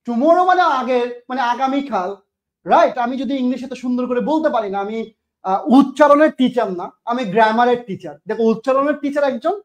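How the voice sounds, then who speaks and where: A woman teaching English grammar in an online admission-test lecture, scolding and firing questions at her students. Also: high-pitched.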